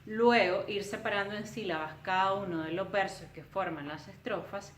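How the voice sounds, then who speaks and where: A woman teacher giving a recorded tutorial lesson, explaining carefully and counting out syllables slowly. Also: medium pitch, a little hiss or hum. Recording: roomy, distant from the mic.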